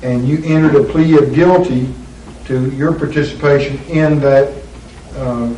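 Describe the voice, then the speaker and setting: On a courtroom-style deposition recording, a male attorney with a mellow, dark, medium-pitched voice and steady tone poses formal questions slowly and deliberately. He's measured and pauses on "uh" frequently. The audio has a roomy echo, a distant mic and a faint hiss.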